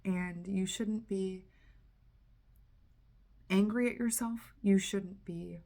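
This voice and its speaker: A woman's voice: medium pitch, slow. A woman, a tarot reader and spiritual coach, giving a casual channeling talk in a candid, earnest way, swearing now and then and acting out inner voices. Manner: animated, acts out inner voices.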